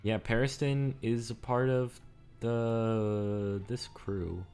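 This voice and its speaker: A man's voice: medium pitch, fairly even intonation, slow pace, a little mellow, clear, resonant tone, faint music behind. A man reading aloud casually as a streamer, adding his own commentary as he goes.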